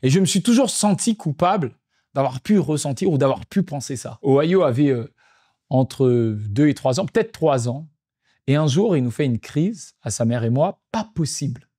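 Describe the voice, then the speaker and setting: Slightly high-voiced reflective man. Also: expressive, moderate pace, dark tone, slightly rough. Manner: reflective, repeats phrases for emphasis. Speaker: podcast host and father. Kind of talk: casual storytelling monologue.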